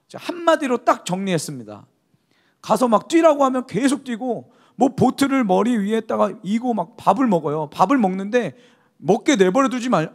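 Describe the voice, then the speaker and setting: A male pastor preaching a youth service sermon, exhorting the congregation and calling for amens. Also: sits high. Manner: exhorting, calls for amen.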